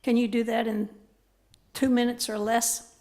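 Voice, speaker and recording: A woman's voice: a little high, little pitch movement, measured pace, darkish tone. A woman chairing a city board meeting, direct and questioning. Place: council chambers.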